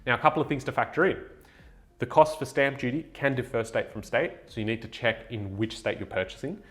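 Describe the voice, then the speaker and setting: A man's voice: medium pitch, fairly quick, a bit bright. A man, hosting a casual finance explainer and talking straight to viewers in an upbeat, salesy way. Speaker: buyer's agent and channel host. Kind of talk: direct-to-camera finance explainer.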